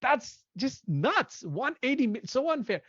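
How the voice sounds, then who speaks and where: A man in his thirties hosting a casual podcast chat, excitable and animated, speaking in quick bursts. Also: very high-pitched, dry recording. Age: 30s. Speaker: podcast host. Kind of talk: casual chat on a video call. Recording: dull, lo-fi, dry audio.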